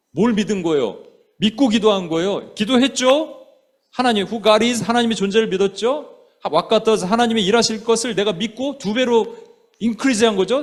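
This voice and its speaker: A man preaching a sermon as a pastor, telling a story and acting out its quoted lines, often calling to the congregation and slipping in English words. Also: on the high side.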